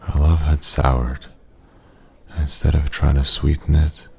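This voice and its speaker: A man playing a wise, regretful old man at a pub, a soft-spoken old sage giving slow, gentle advice in an ASMR ASMR role-play. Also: very deep voice, level tone, creaky, exaggerated voice. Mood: wistful, regretful. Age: older.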